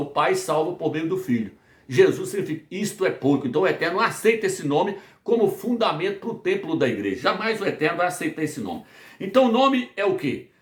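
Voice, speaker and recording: A man from Brazil teaching a Bible study as a preacher, who asks rhetorical questions and answers them himself again and again. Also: a little high. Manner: repetitive call-and-response questioning. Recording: echoey room.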